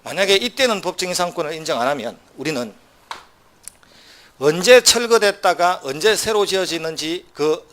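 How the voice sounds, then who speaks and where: Male law lecturer, a bit higher-pitched than most men. Brisk, drilling exam-prep delivery with rhetorical questions and wry humor. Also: a bit bright. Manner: brisk, quizzing students with rhetorical either-or questions; wry asides with short laughs.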